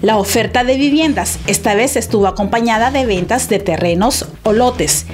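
A woman narrating a TV news report in an even reporter's delivery. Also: fairly high pitch, moderate pace, music in the background.

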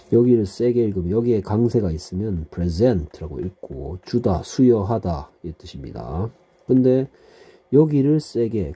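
This man's voice is deep, soft and a bit husky as he teaches English vocabulary to middle schoolers. Each word gets a patient explanation and is repeated with its meaning.

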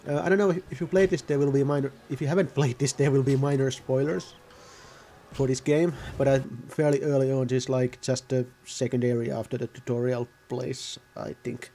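A man's voice: mid-range voice, steady tone, a little fast, dark tone. A man giving casual, rambling gameplay commentary, often correcting himself mid-sentence. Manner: rambling, self-correcting, offhand. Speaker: gaming video host.

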